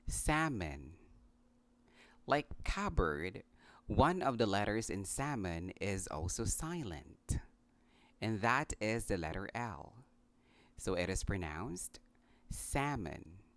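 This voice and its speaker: A man with a Filipino accent teaching English pronunciation, repeating each word deliberately and slipping in Tagalog phrases. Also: lowish voice, big pitch swings. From Philippines. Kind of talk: pronunciation lesson.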